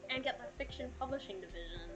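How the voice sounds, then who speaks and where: A woman's voice: on the high side, expressive, quick pace, over loud music, lightly acted. A woman reading an earnest aspiring novelist's lines from a visual novel game aloud, with amateur, stagey acting. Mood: confiding, worried.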